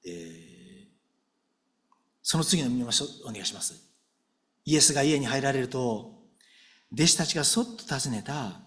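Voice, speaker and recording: A man's voice: medium pitch, normal speed, long pauses. A man preaching a sermon in a conversational way, often checking in with his listeners and acting out prayers as he speaks. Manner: conversational preaching with frequent tag questions to the congregation; animated and expressive, acting out prayers aloud. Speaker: pastor.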